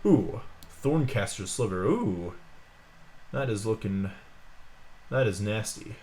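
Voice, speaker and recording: A man giving casual, excitable commentary while opening card packs, with jokey asides. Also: mid-range voice. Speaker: pack-opening streamer.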